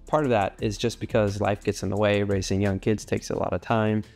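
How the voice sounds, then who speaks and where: A man in his thirties talks in a fairly low voice, explaining things methodically like a coach on a vlog. His delivery is earnest and technical. Soft music plays underneath. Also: flat delivery, fairly quick, gravelly. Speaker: running coach and sport physiologist. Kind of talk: explanatory vlog narration to camera. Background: background music.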